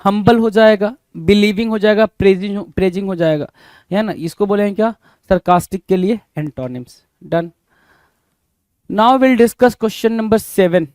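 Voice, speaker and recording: High-pitched teacher quizzing students. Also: male voice, a little slow, a little mellow, clean tone, dry recording. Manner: quizzing, keeps asking "bhai?" then answering. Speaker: English vocabulary teacher. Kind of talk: Hindi-English exam-prep lesson.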